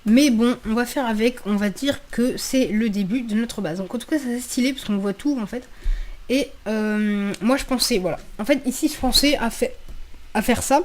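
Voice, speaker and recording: Higher-pitched woman doing casual gaming commentary. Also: moderate pace, darkish tone. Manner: informal, slangy, freely swearing; thinking aloud, repeating phrases. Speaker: gaming video creator. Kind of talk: casual let's play commentary.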